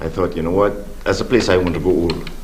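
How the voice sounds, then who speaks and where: In an easygoing studio interview, a Grenada-born older Caribbean man who works as a sports official recounts his life with plenty of filler words. He speaks in a low voice, a little fast, with some faint hiss or hum in the recording.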